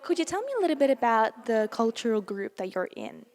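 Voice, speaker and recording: A woman asks interview questions in a gentle, encouraging manner. Her voice sits a little higher than most. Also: sing-song, brisk.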